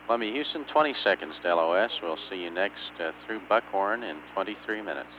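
A man's voice: low voice, lively intonation, fast talker. A man working as a mission control communicator, making brief procedural calls over walkie-talkie radio. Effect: radio transmission. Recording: narrow-band walkie-talkie radio, hum and beeps.

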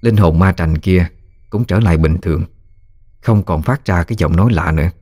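Deep-voiced man telling a ghost story. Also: moderate pace, dark tone, no echo, studio quality.

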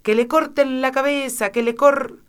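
A woman's voice: low voice, sing-song, a little slow, exaggerated voice. Woman acting a shrieking furious queen. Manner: shouting, commanding, impatient.

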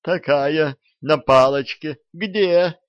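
A male narrator voicing a cowardly skeleton guide who talks in an owl's voice, shrill and yelling, in a dull, dry recording. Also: drawn-out words, smooth, dry recording. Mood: squabbling. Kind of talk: audiobook character voice.

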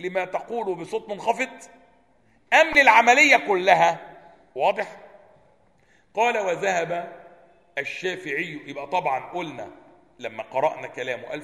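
A man's voice: a little high, bright, forceful tone. A man with an Egyptian Arabic accent teaches a religious lesson. He reads a classical text, explains it with questions to his students, and chants lines of the call to prayer to show how they sound. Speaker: sheikh teaching a hadith book. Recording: echoey hall with long reverb.

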